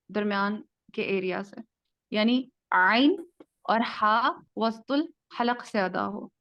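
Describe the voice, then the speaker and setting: A woman teaching a basic tajweed lesson in Urdu, explaining step by step and slowly modelling each sound. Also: fairly high pitch. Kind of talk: online lesson. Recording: dull lo-fi audio.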